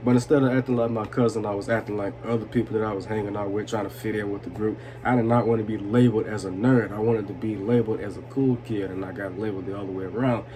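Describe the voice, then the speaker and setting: A man's voice: on the low side, fast talker, few pauses. Tipsy, rambling young man on a noisy recording. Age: 20s. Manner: tipsy, rambling, breaking into chuckles; slangy, repeats "you know what I'm saying". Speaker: storytelling vlogger. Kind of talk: casual, profane personal storytelling. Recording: noisy room with steady background noise.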